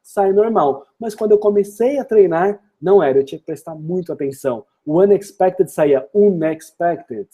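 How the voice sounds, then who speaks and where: A man with a Brazilian Portuguese accent teaching an online English lesson. He is energetic and encouraging and keeps asking rhetorical questions. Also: high voice, brisk, few pauses, slightly rough.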